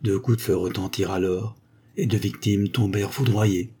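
A man reads a classic novel in a steady, measured audiobook narration. His voice sits low and dark, with a husky grain. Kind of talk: scripted narration.

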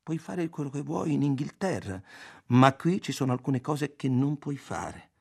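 A male reader voicing a stern young man who speaks quietly and firmly. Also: mid-range voice, animated, moderate pace, vocal fry, breathy edge, pitched above the performer's own voice. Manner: quiet, firm, dismissive.

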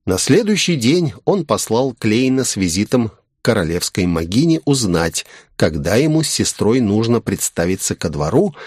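A man narrating a fantasy novel in a steady, even storytelling manner. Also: on the low side, moderate pace, hardly any pauses, husky, no room sound, clean studio sound. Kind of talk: audiobook narration.

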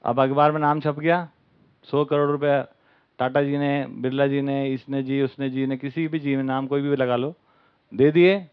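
A man's voice: medium pitch, little pitch movement, normal speed, clean tone. A man speaking at a camp, telling a satirical story to an audience and acting out the people in it. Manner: satirical, acts out the people in his stories. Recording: dull lo-fi recording.

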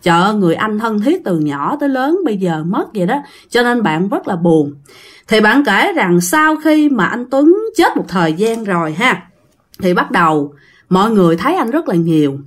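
A woman's voice: mid-range voice, sing-song, normal speed. A woman with a Southern Vietnamese accent telling a ghost story in a chatty way, speaking straight to her listeners. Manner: chatty, addresses listeners directly.

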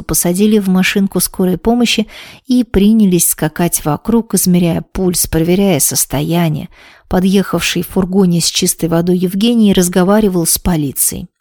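Mellow woman reading an audiobook. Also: medium pitch, no echo, studio quality. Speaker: audiobook narrator. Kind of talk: audiobook narration.

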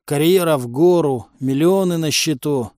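A man voicing a gruff, world-weary male raid leader in an audiobook, bitter and blunt. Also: a little high, normal speed, a little mellow, no echo, clean studio sound, lightly acted.

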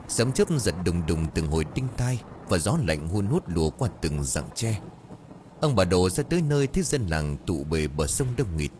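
A deep-voiced man reads a dramatic audiobook story with lively, rising and falling intonation. A faint background noise sits under his voice. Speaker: narrator. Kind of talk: scripted audiobook narration.

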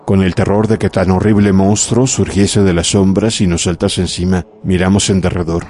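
A man narrating a horror audiobook in a measured, dramatic way. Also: deep voice, little pitch movement, darkish tone. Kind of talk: scripted narration of a horror story.

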